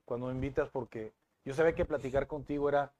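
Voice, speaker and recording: A man, a TV news presenter being interviewed, telling stories in a lively way with many restarts. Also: mid-range voice, quick pace. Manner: animated storytelling with frequent restarts. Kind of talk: casual interview chat.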